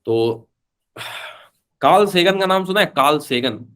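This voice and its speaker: A man's voice: a little high, lively intonation, unhurried, pushed and bright. A man teaching a live online physics class, chatty, calling students beta and switching between Hindi and English.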